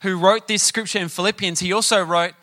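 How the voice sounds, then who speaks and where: A middle-aged pastor preaches a sermon, sharing personal stories in a chatty, animated style and often questioning the audience. His pitch is high and his pace brisk, and the recording is dry.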